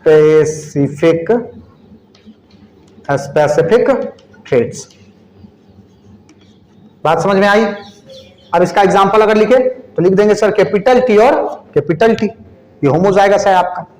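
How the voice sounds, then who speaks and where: A male biology teacher giving a classroom lecture. He spells out terms slowly as he writes and keeps asking the class questions. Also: high voice, darkish tone, reverberant, poor audio. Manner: repeats terms slowly while writing, asks questions to the class.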